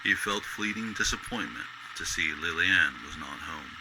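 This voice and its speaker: A male narrator with a very low, animated voice gives a measured storybook delivery in the style of old-time radio drama, with noisy ambient effects playing behind him.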